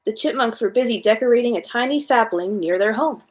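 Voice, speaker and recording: A woman with a higher-pitched voice reads a children's bedtime story informally, her delivery animated, fairly quick, and slightly unpolished.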